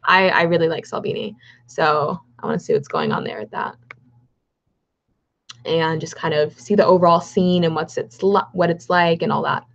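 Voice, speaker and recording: A woman's voice: low-pitched, animated, moderate pace. Chatty young woman, Valley girl accent. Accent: Californian. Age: young adult. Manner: chatty, rambling with fillers and restarts. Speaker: livestream host. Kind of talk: casual livestream chat reading viewer questions. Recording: dull, lo-fi livestream audio.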